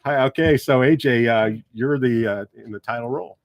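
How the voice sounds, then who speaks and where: A man's voice: medium pitch, brisk, dry recording. A middle-aged man hosting a local radio talk show in the studio, joking and rambling with many restarts as he interviews students.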